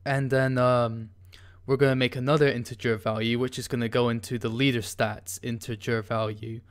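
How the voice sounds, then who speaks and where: A tutorial host speaks in a level, medium-pitched voice that is smooth and clean, at normal speed. During his screen-recorded coding session he's casual and halting, with lots of ums and restarts, while a keyboard clacks faintly.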